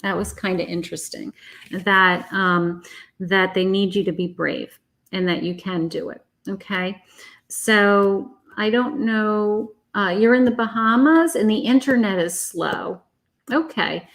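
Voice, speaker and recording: A psychic tarot reader, a woman with a medium-pitched, slightly bright voice, does a live reading at an unhurried pace. She is chatty and reassuring, calling viewers honey and sweetheart, though she is losing her voice and it is starting to wear out.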